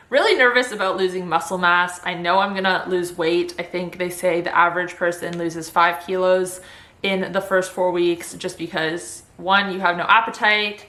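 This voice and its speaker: A woman's voice: lowish voice, fairly even intonation, moderate pace, sharp tone. A woman vlogger chatting casually to camera in an informal, upbeat way. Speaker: vlogger sharing surgery recovery tips. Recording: roomy indoor echo.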